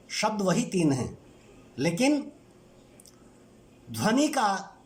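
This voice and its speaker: A man teaching a lesson on language sounds, speaking in measured, deliberate short phrases with pauses. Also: high-pitched, a little hiss or hum. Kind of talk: explanatory lecture.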